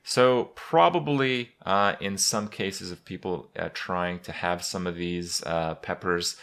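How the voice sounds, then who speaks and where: A man hosting a gaming video, giving casual commentary looking back, rambling and halting with pauses and repeats. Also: deep voice, a bit bright, clear, resonant tone.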